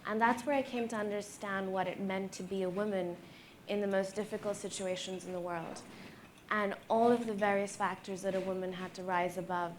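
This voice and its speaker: A young woman from Pakistan speaks as a guest on a panel stage. Her voice sits at an ordinary middle pitch, and she talks in an earnest, measured way with plenty of soft fillers. A faint hum of room noise sits beneath her. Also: steady tone.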